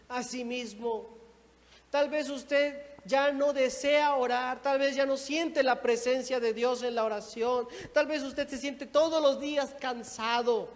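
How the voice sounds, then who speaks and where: A man preaches a sermon in a high, ringing voice. He builds his points with rising emphasis and acts out quoted speech. The long reverb of a church hall trails every phrase. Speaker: minister.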